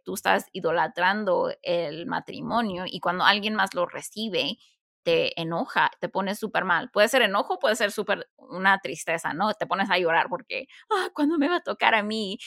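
A woman co-hosting a faith-based podcast, talking in a lively way and acting out the thoughts she quotes. Her voice is bright and a little gravelly, recorded dry and close. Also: on the low side, moderate pace, no room sound. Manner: animated, acts out quoted thoughts, asks listeners questions. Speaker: podcast co-host.

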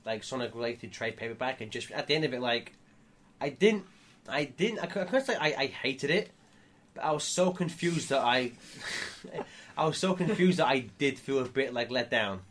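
A man's voice: medium pitch, expressive, normal speed, a bit bright. A man co-hosting a casual podcast chat, often stammering and restarting his sentences. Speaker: podcast co-host.

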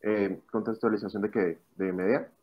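A man's voice: lowish voice, fairly even intonation, normal speed, lo-fi sound. A young Colombian man in a casual group chat, joking and stubbornly holding his point.

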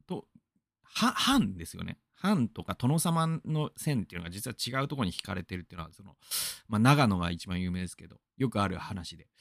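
A man's voice: mid-range voice, creaky, dry recording, clean studio sound. A man from Aichi in Japan hosting a radio show, rambling through a casual monologue full of fillers and asides.

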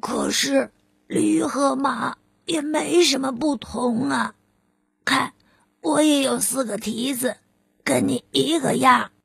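A woman voicing a hoarse little male donkey with a sore throat, his raspy voice muffled as if heard through a closed door, slow and pleading, in a children's storybook reading. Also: high voice, fairly bright tone, no echo, exaggerated voice. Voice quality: raspy, gravelly. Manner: slow, pleading and sorry for himself. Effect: muffled, heard from outside a closed door.

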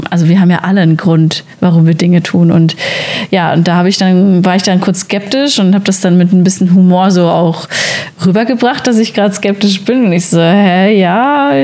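A young woman from the Sauerland co-hosting a podcast, telling a story in casual chat with many fillers and quick laughs. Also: on the low side, warm tone. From Sauerland, Germany. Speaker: podcast co-host.

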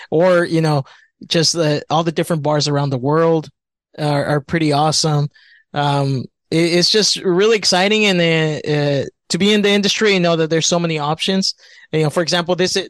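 A man's voice: fairly high pitch, fairly bright tone, no room sound. Rambling man, dry close sound. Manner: rambling, full of fillers. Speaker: bartender, guest. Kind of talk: casual podcast chat.

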